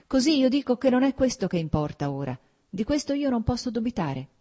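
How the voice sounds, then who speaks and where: A proud, distraught noblewoman on the verge of tears, read by a woman, her voice trembling and climbing higher as she pleads. The tone underneath stays mellow and soft-edged. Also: sing-song, brisk. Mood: anguished.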